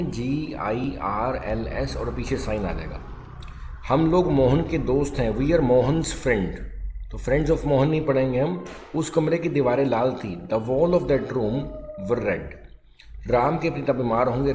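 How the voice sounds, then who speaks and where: A male English teacher giving a grammar lesson, dictating English phrases slowly and explaining briskly in Hindi. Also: mid-range voice, a little mellow, a little hiss or hum. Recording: echoey room with long reverb.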